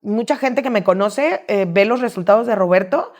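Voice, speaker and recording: Woman, interview guest, chatty and animated, voices her own quotes. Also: mid-range voice, moderate pace. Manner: lively, quotes herself and her son. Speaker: guest, gymnastics coach and sports mom. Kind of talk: casual interview storytelling.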